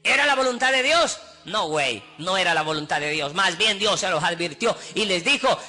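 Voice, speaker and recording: A passionate Honduran preacher with a very high, piercing, bright voice. He drives his sermon forward and repeats pleading phrases to act them out. Faint music plays softly under his voice. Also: animated, normal speed. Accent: Honduran Spanish. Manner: impassioned preaching, acts out pleading voices with repetition. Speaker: pastor.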